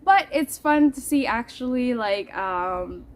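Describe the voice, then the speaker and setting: A Dutch woman, a vlogger whose first language is Dutch, chats casually and playfully with her viewers while outdoors in the heat. Her voice sits a little high and sounds animated, and she takes her time.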